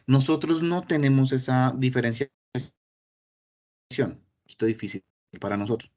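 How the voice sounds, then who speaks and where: A man, an English teacher giving an online class on grammar and pronunciation, lively and repeating words for emphasis. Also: medium pitch, normal speed. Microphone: computer mic in an online session.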